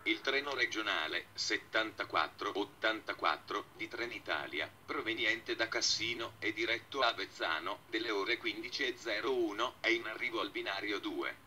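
A man reading a flat, formal railway station announcement in clipped, formulaic segments. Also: fairly low pitch, moderate pace, a little hiss or hum.

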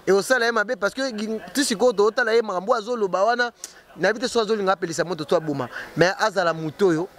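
A man with a notably high speaking voice answers interview questions. He talks emphatically, circles back on his own words, and keeps pressing his point in an easy, conversational flow. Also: quick pace, fairly bright tone. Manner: emphatic, repeats words and restarts while arguing. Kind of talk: casual street interview.

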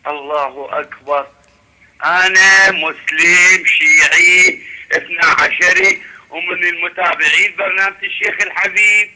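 A man's voice: sits high, steady tone, a little slow, sharp tone. A man from Iran calls in to a talk show over an unclear phone line. He is emphatic and often repeats his words. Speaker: phone-in caller.

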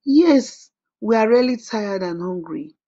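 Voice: medium pitch, animated, takes it slowly, creaky, dark tone, dull audio, pitched above the performer's own voice. A narrator doing an earnest protective elder boy. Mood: urgent. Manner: pleading, urgent, raised voice.

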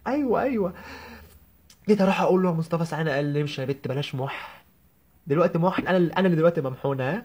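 A man's voice: a little high, darkish tone, husky. A man with an Egyptian Arabic accent voicing a young newlywed woman who complains to her mother on the phone in a comic sketch, whiny and indignant. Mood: aggrieved. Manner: whiny, indignant, rapid rambling. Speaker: comedian.

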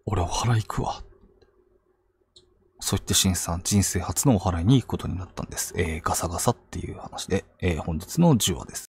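A man narrating ghost stories on a live stream, dramatic, with hushed lows and sudden outbursts. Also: expressive, quick pace, hardly any pauses, a little hiss or hum. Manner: dramatic telling, hushed low asides rising to sudden outbursts. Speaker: ghost story teller.

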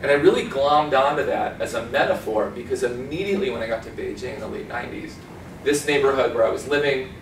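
In a small conference room, a man in his forties with a gravelly, medium-pitched voice talks fast and informally over slides, gesturing a lot and mimicking voices and accents as he tells stories. He's chatty and animated. A far camera picks him up with roomy sound and a noisy background.

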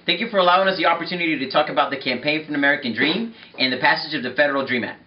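A man's voice: a little high, very fast, roomy sound, lo-fi sound. A man in his twenties from Mexico gives an earnest, direct statement to camera indoors. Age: 20s. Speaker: activist giving a statement. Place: indoors before a curtain.

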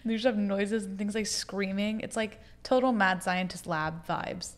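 A young woman co-hosts a relaxed podcast conversation. She tells stories in a playful, animated way and laughs easily while bantering with her co-host. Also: medium pitch, moderate pace. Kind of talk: casual chat.

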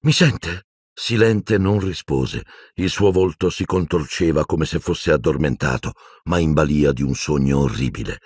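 A man narrating an audiobook with dramatic, expressive storytelling into a close microphone. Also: rumbling low, normal speed, hardly any pauses, slightly rough, no room sound.

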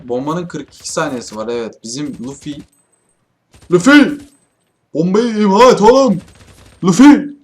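A young man casually commenting on his own shooter gameplay, swearing often and yelling at his teammates in frustration. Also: mid-range voice. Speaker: gaming YouTuber.

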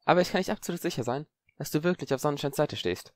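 A man's voice: on the high side, expressive, quick pace, voice pushed up, lightly acted. A man voicing a smug, scheming young schoolboy in an audiobook, with a superior manner. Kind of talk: audiobook character voice.

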